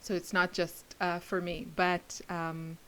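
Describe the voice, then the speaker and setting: Her pitch is fairly low and her delivery flat, with a slow pace and a sharp, clean tone. She's a woman who makes craft videos and teaches classes, rambling and giggling through casual chit-chat to camera.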